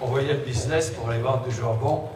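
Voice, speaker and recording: A man's voice: mid-range voice, steady tone, moderate pace. A man giving a religious lecture as a priest, explaining things with conversational asides to his listeners, in a large, echoing space. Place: large reverberant indoor space. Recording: echoey hall, distant mic, background noise.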